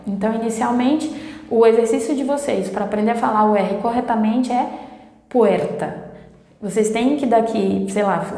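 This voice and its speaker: A Brazilian woman, a native Portuguese speaker, giving a casual Spanish lesson in a chatty way, often repeating herself and slowing down to demonstrate sounds. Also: on the high side, gravelly, dark tone. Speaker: Spanish teacher. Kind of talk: casual online language lesson. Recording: echoey room with long reverb.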